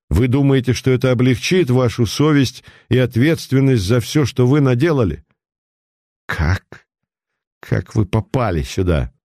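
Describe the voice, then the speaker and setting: A man's voice: on the low side, dry recording, clean studio sound. Man playing a cool, sarcastic detective. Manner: calm, sarcastic, measured. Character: cool unflappable male police detective.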